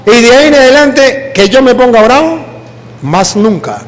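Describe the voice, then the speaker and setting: A Venezuelan man, a priest, preaching a sermon full of lively personal stories in which he mimics the people he quotes. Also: very high-pitched, normal speed, in a large hall. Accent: Venezuelan Spanish.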